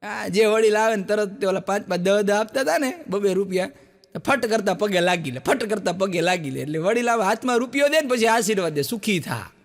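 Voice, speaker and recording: A man tells jokes on stage. His voice sits high, and he acts out each character in his stories. The sound rings with the long reverb of a large hall. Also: fast talker. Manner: animated storyteller, acts out quoted characters with jumps in pitch. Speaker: stand-up joke teller. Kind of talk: Gujarati folk joke telling to a live audience. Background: audience laughter.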